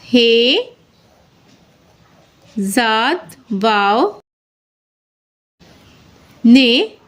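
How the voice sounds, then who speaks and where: A woman's voice: fairly high pitch, expressive, extremely slow. A woman teaching handwriting, dictating a story word by word and naming each letter as she writes it. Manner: spells each word letter by letter, then repeats it. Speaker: Urdu writing teacher. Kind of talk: slow dictation lesson, spelling out letters.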